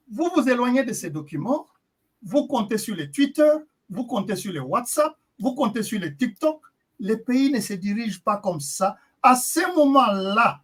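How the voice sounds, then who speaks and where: Impassioned woman speaking on politics. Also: mid-range voice. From Congo. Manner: forceful, rhetorical, appeals to the audience. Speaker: interpreter and guest.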